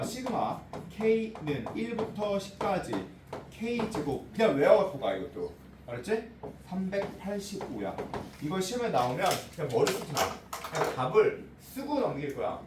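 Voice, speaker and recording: A male math teacher lecturing a class in a blunt, informal way, checking again and again that the students got it. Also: high voice. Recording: echoey room, voice from a distance, faint noise.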